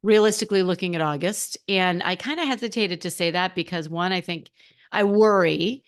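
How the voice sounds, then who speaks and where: A middle-aged woman hosts a casual solo podcast, coaching her listeners directly in a chatty, animated way. Her voice is a little hoarse and fairly low, at normal speed.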